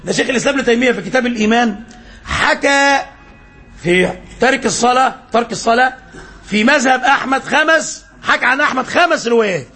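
A man's voice: very high voice, fast, bright, forceful tone. A man with an Egyptian accent teaching an Islamic lesson as a sheikh, quizzing his listeners and repeating phrases for emphasis. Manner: quizzing listeners and filling in answers.

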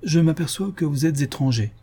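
A proud, stern old marshal voiced by a male narrator in a storybook reading. He speaks in formal, ceremonious sentences. The voice is raised, dark and husky. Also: fairly high pitch, animated, brisk, pitched above the performer's own voice. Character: stiff, dignified old marshal, a proud governor.

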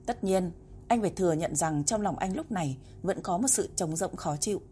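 Woman narrating a story in a mellow voice. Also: fairly low pitch, animated, normal speed, a little hiss or hum. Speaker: audiobook narrator.

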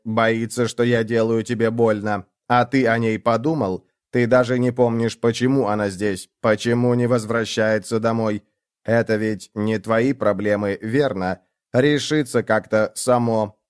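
A man's voice: fairly low pitch, level tone, unhurried, clean tone, no echo, clean studio sound, natural voice. A man voicing a sneering male ship computer that needles and mocks a young man in a cold, sarcastic way. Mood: mocking.

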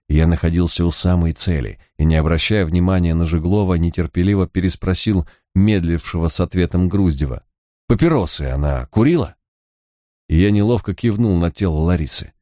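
A man with a deep, low voice reads a first-person novel. His delivery is measured and even. The recording is dry and close to the mic. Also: no room sound. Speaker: audiobook narrator.

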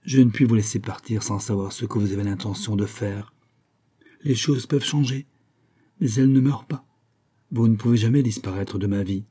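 A man's voice: lowish voice, moderate pace, warm tone, husky. A man reading the lines of an earnest young lawyer in an audiobook, in a grave, serious way.

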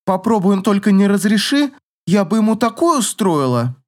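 A man's voice: sits high, moderate pace, pitched above the performer's own voice, natural voice. A man voicing a proud, indignant young noblewoman in an audiobook, with huffing, squealing protests. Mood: huffy. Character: haughty proud young noblewoman, quick to huff.

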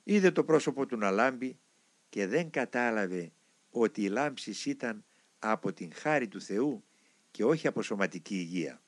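A man reads a monastic memoir aloud in a measured, reverent manner. His pitch rises and falls expressively, and the close mic gives a dry, roomless sound. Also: lively intonation, no echo.

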